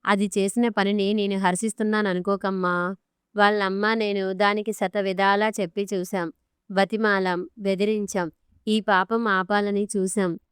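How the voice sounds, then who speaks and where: A woman voicing a gentle old father, slow and pained. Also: medium pitch, little pitch movement, smooth, dry recording, studio quality, close to an everyday voice.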